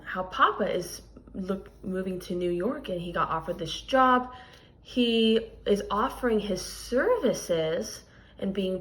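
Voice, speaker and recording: The recording is low quality, capturing a medium-pitched woman reading a children's picture book like a teacher. She reads with expression and care, leaning on key words and adding asides to explain.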